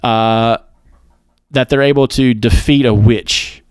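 Man, podcast host, mid pitch, swears and jokes, dry close-mic sound. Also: fairly even intonation, slow pace, clean tone, no room sound. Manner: profane, joking, laughs often. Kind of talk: casual movie chat.

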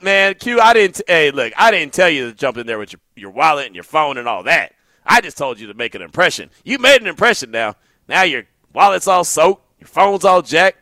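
Laid-back bright-voiced radio host man. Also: a little high, no room sound, studio quality. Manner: laid-back, laughing anecdotes. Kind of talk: casual storytelling on sports radio.

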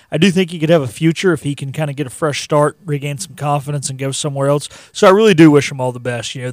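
A man's voice: a little high, no room sound. A man co-hosting casual sports talk on the radio, conversational and chummy as he gives his opinions.

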